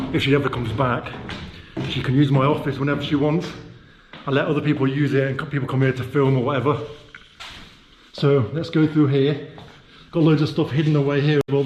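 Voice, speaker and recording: Carrying a handheld camera through his indoor office studio, a UK vlogger with a British accent chats and rambles, full of fillers and restarts. His voice sits mid-range and is a little mellow. The audio from the camera mic carries some hiss or hum and room echo.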